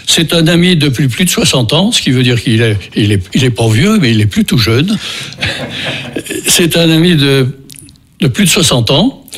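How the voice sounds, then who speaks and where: An older man with a Beaujolais accent hosts a local radio music show. His voice sits a bit high, and he talks in a meandering way, stopping and starting again often. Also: fairly bright tone. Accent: French from Beaujolais. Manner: rambling, hesitant, many restarts and fillers. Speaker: radio host.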